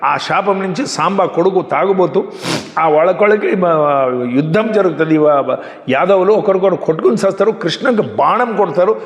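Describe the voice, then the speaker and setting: A man telling religious stories in an emphatic, animated sermon. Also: high voice, moderate pace. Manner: emphatic, animated retelling with frequent restarts. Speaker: religious speaker. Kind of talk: storytelling sermon. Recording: echoey hall.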